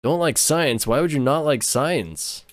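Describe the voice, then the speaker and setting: On a dry recording, an American man with a somewhat high voice speaks at a measured pace. He's livestreaming a game and chatting loosely with viewers, wandering off topic and frequently cutting himself off to restart or correct what he said.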